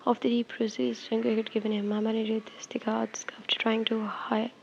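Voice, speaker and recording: A woman reading a romance fan fiction aloud, soft and slipping into whispers, with small stumbles and restarts. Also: on the high side, level tone, normal speed, vocal fry, highs cut off, a little hiss or hum. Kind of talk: storytime narration.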